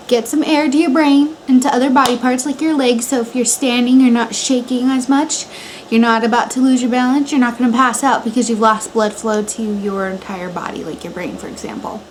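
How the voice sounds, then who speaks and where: Steady fan noise fills the background as a young American woman, in her twenties and from Montana, chats casually through a how-to for her personal vlog. Her voice sits slightly high, and the bedroom recording is of poor quality.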